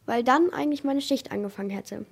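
A woman reading the lines of a big, quiet male rig worker who mumbles and sounds subdued. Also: a little high, brisk, gravelly, husky.

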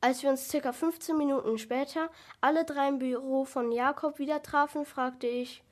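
A woman reading a children's detective story aloud, lively, giving each character its own voice. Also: sits high, moderate pace.

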